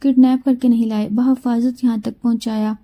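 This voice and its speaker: A woman voicing a stern, serious male army major who speaks slowly and curtly. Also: fairly high pitch, level tone, warm tone. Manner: slow, serious delivery.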